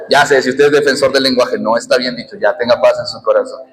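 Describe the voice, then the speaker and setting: A man's voice: medium pitch, fairly even intonation, moderate pace, fairly bright tone, a little hiss or hum, low-quality recording. A Mexican man with a Mexican accent preaching a fiery, humorous sermon to his church congregation, often calling out to them directly. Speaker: pastor.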